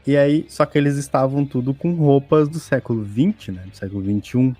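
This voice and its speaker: A man's voice: medium pitch, a little fast, soft background music. A man telling a tabletop game anecdote in casual chat, acting out the characters and laughing as he goes. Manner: animated, acts out guards shouting with laughter. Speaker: podcast guest.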